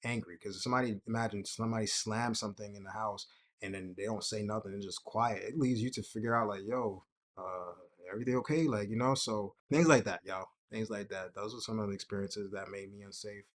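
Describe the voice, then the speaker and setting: A young man hosting a casual personal talk, relaxed and conversational, often laughing and acting out what others said. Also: fairly low pitch, fast. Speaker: host.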